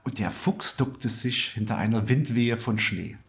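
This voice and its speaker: A man hosting a fairy tale program introduces and reads stories aloud in an expressive way. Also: mid-range voice, measured pace. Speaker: storyteller and host.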